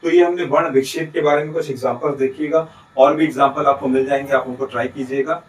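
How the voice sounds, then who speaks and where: A man's voice: mid-range voice, fairly even intonation, fast talker, reverberant, low-quality recording. A man from Chhattisgarh teaching a lesson with a Chhattisgarhi Hindi accent. He explains step by step, asks questions and answers them himself, and keeps checking that his students follow. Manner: adds frequent checking tags. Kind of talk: recorded classroom lesson.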